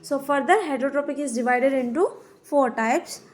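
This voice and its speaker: This biology teacher, a woman with a South Indian accent, speaks at normal speed in a high register. Her classroom talk defines terms emphatically and instructively, going over the key words more than once.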